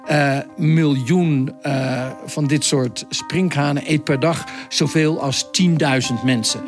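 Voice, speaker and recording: A man's voice: fairly high pitch, steady tone, takes it slowly, music in the background. Man reporting vividly from abroad. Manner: vivid, conversational storytelling with hesitations. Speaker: foreign correspondent. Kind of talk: reporting in a radio interview. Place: Nairobi, Kenya.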